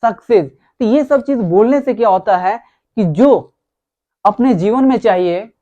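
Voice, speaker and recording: Slow, mellow-voiced male motivational speaker. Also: high-pitched, dull audio. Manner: slow, emphatic, repeats key words, addresses listeners as friends. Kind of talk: motivational talk.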